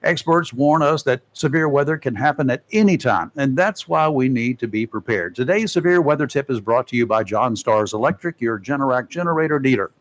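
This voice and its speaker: A man's voice: mid-range voice, animated, a little fast, few pauses. A man hosting a local radio talk show, reading safety tips with folksy, joking asides. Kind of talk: casual radio talk and read-out segment. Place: radio studio.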